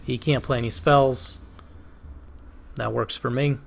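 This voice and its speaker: A man's voice: medium pitch, fairly even intonation, takes it slowly, creaky, slight background noise. A man with a Boston accent hosting a casual let's play, thinking aloud through each move with hesitant, self-questioning commentary. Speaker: gaming channel host.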